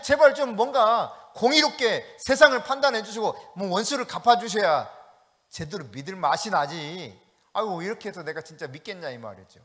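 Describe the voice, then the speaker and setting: A man's voice: sits high, a bit bright. A male pastor preaching a sermon, reading scripture aloud and asking the congregation questions. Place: church sanctuary. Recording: long church hall reverb.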